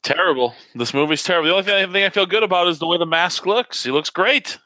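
A man's voice: high voice, fast, bright, forceful tone, no echo, poor audio. A man on a podcast panel trading casual banter, blunt and tongue-in-cheek.

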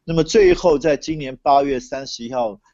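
A man's voice: a little high, moderate pace, dark tone, no echo. A man from Taiwan with a Taiwanese Mandarin accent explains things conversationally as an interview guest over a remote call. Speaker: interview guest, political commentator. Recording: dull lo-fi remote call audio.

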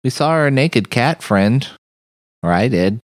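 Woman w a really low voice, slow and swoopy, deadpan player. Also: dry recording, clean studio sound. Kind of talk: casual tabletop game play.

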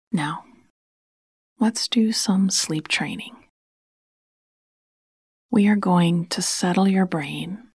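A woman hosting a sleep podcast, telling a bedtime story in a soft, breathy half-whisper with a slow, soothing manner. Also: lowish voice, no echo, studio quality.

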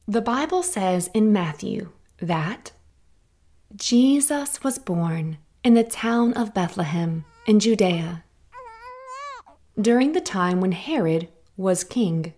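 A woman with a medium-pitched voice hosts a children's Bible story podcast. She narrates a scripted story gently, clearly and without hurry.

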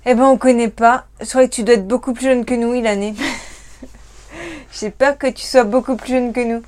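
Her voice is a little high with a darkish tone. She is a French livestream co-host who has had some wine, chatting casually and quickly and laughing often.

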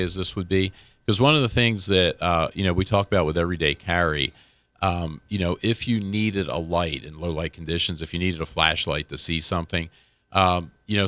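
Very deep-voiced man, hesitant and rambling. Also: a bit bright, no room sound. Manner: hesitant, rambling, self-correcting. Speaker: radio show gear reviewer. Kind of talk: unscripted product review chat.

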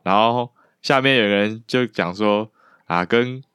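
A man's voice: lowish voice, measured pace, fairly bright tone, clean tone, no room sound. A man, co-hosting a casual baseball chat with dry, teasing jokes. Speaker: podcast co-host.

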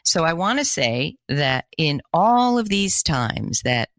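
Career coach lady, middle-aged, chatty and animated, dry close mic. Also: sits low, dry recording. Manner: animated storytelling, quick bursts. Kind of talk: casual interview chat.

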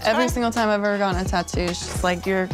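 Animated woman telling stories. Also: mid-range voice, racing, over music. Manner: animated storytelling. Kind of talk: casual chat.

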